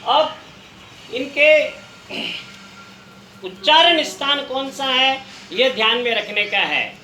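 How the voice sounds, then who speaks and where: A man's voice: very high-pitched, slow pace, pushed and bright. A man teaching a recorded language lesson, patiently repeating each sound for listeners to try. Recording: echoey room, faint background noise.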